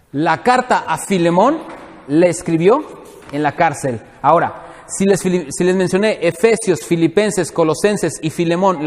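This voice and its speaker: A man preaching in a church hall, his voice pitched a little high and trailing a long echo. He jokes and asks the congregation questions as he goes. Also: a little hiss or hum. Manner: lively, joking, addresses the congregation directly. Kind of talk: sermon.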